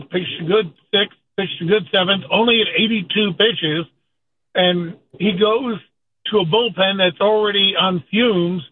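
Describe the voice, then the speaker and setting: A man phones in to a talk radio show, and his voice reaches the studio through a narrow, tinny phone line. He speaks in a fairly high register. His talk is loose and casual, and he keeps snagging on repeated words before each point gets going. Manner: halting, repeats words when starting sentences. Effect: phone line call-in audio. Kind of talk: casual call-in sports talk.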